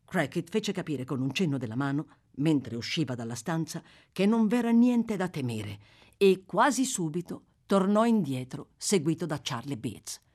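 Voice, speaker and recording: A woman reading a classic novel aloud, narrating in a measured, dramatic storytelling manner. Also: deep voice, sing-song, a little mellow. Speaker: audiobook reader. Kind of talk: scripted literary narration.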